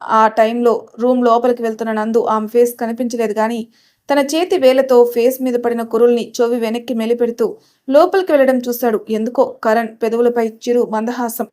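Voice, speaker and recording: Expressive woman storyteller, high voice. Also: a little fast. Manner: expressive, musing. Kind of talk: scripted narration of a serial story.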